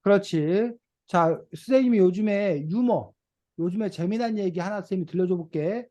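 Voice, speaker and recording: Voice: mid-range voice, normal speed, warm tone, muffled recording. A reading teacher leading an online video class for children, patiently asking them questions. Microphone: video call.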